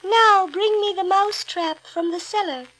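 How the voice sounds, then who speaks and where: A woman voicing a kind, stately fairy godmother in a storybook, speaking slowly and gently. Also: extremely high pitch, voice pushed up, low-quality recording. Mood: kindly. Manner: slow, gentle, measured.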